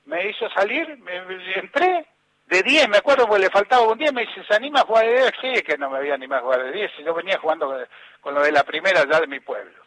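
A man's voice: sits high, expressive, fast, fairly bright tone, rough recording. An older man with an Argentine accent, a former footballer telling rambling anecdotes in an interview, often restarting and quoting others. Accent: Argentine Spanish. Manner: rambling, with many restarts and acted quotes. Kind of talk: anecdotal storytelling.

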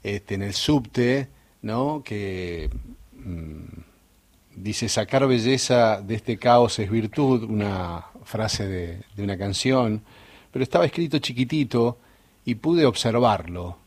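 An Argentine man interviewing and reflecting as a mindfulness instructor, asking slow, thoughtful questions. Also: on the low side, lively intonation, darkish tone, dry recording. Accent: Argentine Spanish.

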